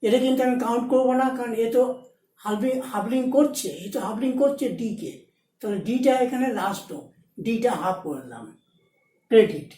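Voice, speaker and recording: A woman teaching a shorthand class, explaining each rule slowly and repeating the key points. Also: on the high side, lively intonation, dark tone, roomy sound, slight background noise, rough recording. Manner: repeats key points, switches between Bengali and Hindi. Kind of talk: explaining rules step by step in a lesson.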